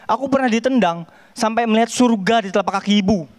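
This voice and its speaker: A young man from Kalimantan doing a stand-up set on a TV studio stage, animated, acting out sound effects. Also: high voice, quick pace. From Kalimantan, Indonesia. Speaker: stand-up comedian.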